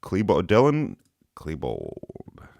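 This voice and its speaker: A man's voice: sits low, huge pitch swings, slow, gravelly, darkish tone. A man hosting a podcast, joking around in casual chat and giving playful word clues. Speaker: podcast host.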